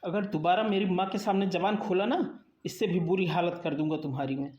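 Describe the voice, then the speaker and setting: A man voicing a violent young husband in a cartoon story, shouting threats. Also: high voice, fairly even intonation, fairly quick, reverberant, natural voice. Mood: threatening. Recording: muffled lo-fi sound.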